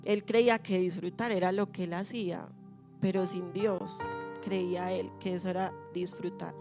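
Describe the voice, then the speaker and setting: A woman pastor preaching a sermon, telling a story with lively acted-out quotes. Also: fairly low pitch, normal speed, over music. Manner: lively storyteller acting out her own quoted fears. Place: church.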